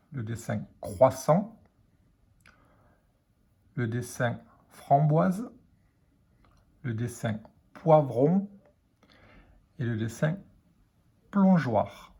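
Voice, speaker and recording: A man's voice: medium pitch, vocal fry, mellow, slightly rough. A French man teaching a children's reading lesson, sounding out words letter by letter and syllable by syllable.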